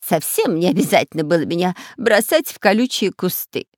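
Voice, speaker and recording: A woman voicing a cowardly male spy and robber who whines and complains in a high, shrill voice. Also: very animated, brisk, dry recording, studio quality. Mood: whining.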